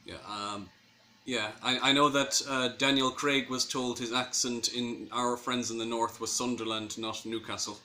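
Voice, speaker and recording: A man's voice: mid-range voice, fairly even intonation, moderate pace, pushed and bright, slight background noise. A man interviewing a guest with casual, conversational questions.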